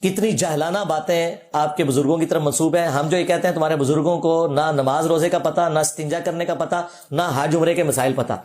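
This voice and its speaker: A man's voice: fairly high pitch, steady tone, few pauses, a little mellow, reverberant. A man, a religious scholar giving a sarcastic, debunking reaction lecture.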